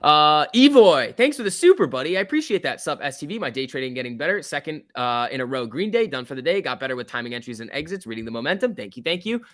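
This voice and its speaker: A man's voice: on the high side, big pitch swings, quick pace, hardly any pauses, fairly bright tone, no room sound, studio quality. A man hosting a live stock trading stream, chatting casually in slangy, chummy off-the-cuff commentary as he answers viewers. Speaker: stock trading livestream host.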